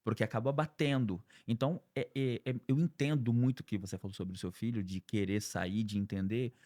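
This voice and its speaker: A Brazilian man hosting a podcast who chats in a relaxed way and shares his own stories. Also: fairly low pitch. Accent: Brazilian Portuguese. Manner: relaxed, conversational, chimes in with quick agreement. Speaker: podcast host. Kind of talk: casual interview chat.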